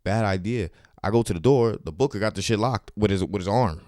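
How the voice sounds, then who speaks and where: A man's voice: fairly low pitch, brisk, mellow, dry recording, clean studio sound. A man hosting a podcast, telling a long story in a loose, profane, casual way and acting out the voices of the people in it. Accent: New York. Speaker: podcast host and comedian. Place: studio.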